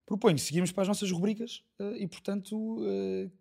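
A man hosting a casual sports podcast, leading the talk in a brisk way. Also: high-pitched, fairly even intonation, creaky, mellow. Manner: brisk, leads the show. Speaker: podcast host.

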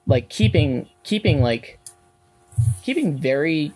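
A young man in a casual class discussion, talking haltingly with many fillers and restarts. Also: fairly high pitch, expressive, darkish tone, slight background noise, poor audio.

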